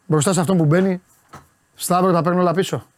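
A man with a fairly high voice for his sex co-hosts a casual show. He talks in insistent bursts, repeating the same words again and again to make his point. The tone is loose studio banter. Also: steady tone. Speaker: radio co-host.

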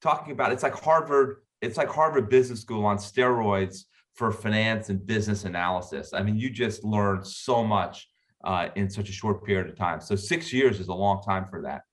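Easygoing lower-voiced man interview guest. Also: moderate pace. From Florida and the Bahamas. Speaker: company founder guest. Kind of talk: casual interview.

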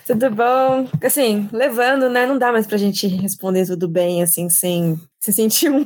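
Woman, Brazilian accent, medium pitch, casual podcast guest. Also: darkish tone. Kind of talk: casual chat.

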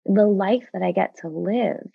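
A woman in her forties, a coach and former psychologist, appears as a guest on a casual podcast, speaking reflectively and earnestly with many fillers. Her mid-range voice is gravelly and slightly rough, measured in pace, with phone-quality sound and no room sound.

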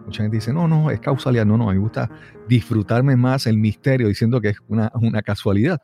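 A man hosting an interview, introducing his guest in an unhurried, reflective way. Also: medium pitch, dark tone, faint music behind. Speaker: host.

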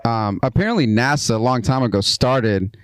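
Male casual explainer, halting delivery, medium pitch, no room sound. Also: no echo. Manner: halting, searching for words.

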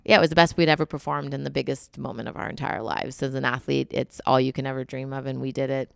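A woman guest in a casual interview, telling her stories in an animated way and laughing often. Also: a bass voice, fast, vocal fry, clean tone, no echo, clean studio sound. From Canada. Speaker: guest, Olympic curler.

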